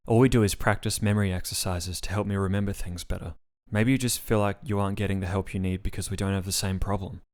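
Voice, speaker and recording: A man's voice: deep voice, steady tone, fast talker, close to an everyday voice. A man reading the part of a confused, earnest male patient in a storybook reading. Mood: pleading.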